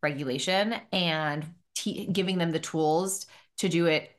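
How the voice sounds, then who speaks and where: Low-voiced, affirming woman podcast host. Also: measured pace. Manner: emphatic, affirming, repeats "so good". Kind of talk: casual podcast conversation.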